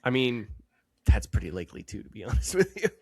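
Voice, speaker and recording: A man's voice: mid-range voice, very animated, quick pace, no room sound. Podcast guy joking around, voice bouncing all over, swears a lot, dead dry mic. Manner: rambling, joking, swears freely. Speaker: podcast co-host. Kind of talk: casual chat.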